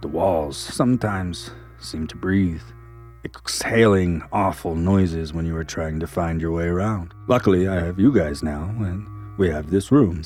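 A man voicing a calm male studio owner with a soft Scandinavian accent, speaking hesitantly and politely. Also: deep voice.

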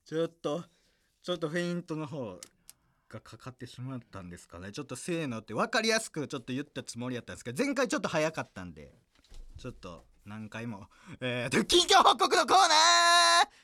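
A man's voice: medium pitch, big pitch swings, quick pace, fairly bright tone. A man with a Kansai accent, a comedian hosting a podcast, telling stories in a playful, jokey way and laughing often. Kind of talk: casual podcast chat.

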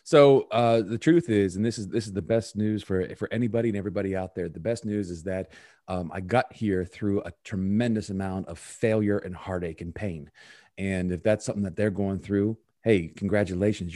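Male interview guest, lowish voice, chatty and joking, dry sound. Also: darkish tone, dry recording. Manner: chatty and joking, many fillers. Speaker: performance consultant. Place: Pennsylvania.

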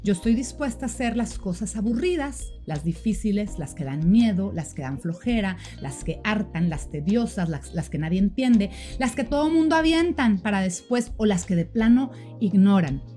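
A woman's voice: mid-range voice, animated, normal speed, hardly any pauses, mellow, faint music behind. A woman, a life coach giving an emphatic motivational talk on a live stream, full of rhetorical questions.

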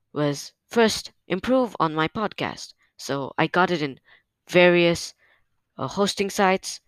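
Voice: medium pitch, fairly bright tone, clear, resonant tone, dry recording. A podcast host recording at home on a new microphone, talking casually and hesitantly with many fillers, a little nervous. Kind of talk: casual solo podcast update. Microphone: new podcast microphone on a stand.

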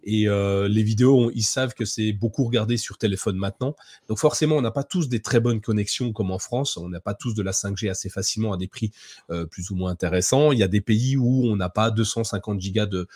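A man's voice: on the low side, fairly quick, a little mellow, no room sound, clean studio sound. A man co-hosting a tech podcast, often searching for words and repeating himself. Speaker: podcast co-host. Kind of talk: casual tech chat.

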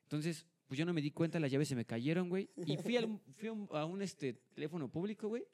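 A young man with a Mexican accent tells a story at a quick clip, peppering nearly every phrase with slang and swearing. His voice sits a touch high for a man, and the talk is loose, like a podcast among friends. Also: darkish tone. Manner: slangy and profane, ends phrases with "güey". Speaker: podcast co-host. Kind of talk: casual chat, storytelling.

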